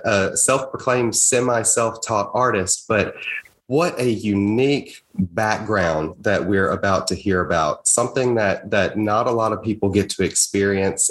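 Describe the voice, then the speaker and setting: A man hosting an interview podcast, giving upbeat introductions and questions. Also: on the low side. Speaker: podcast host.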